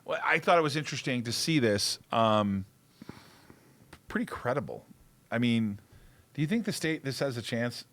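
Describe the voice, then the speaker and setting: A man hosting a casual livestream show, talking in an excitable, rambling way and repeating himself. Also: medium pitch, normal speed, pauses often. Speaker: show host.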